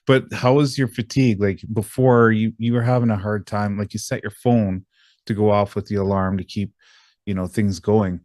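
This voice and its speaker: A man's voice: lowish voice, fairly even intonation, normal speed, a little mellow, dry recording, clean studio sound. A man hosting a casual interview who asks long, rambling questions full of restarts. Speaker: interview host.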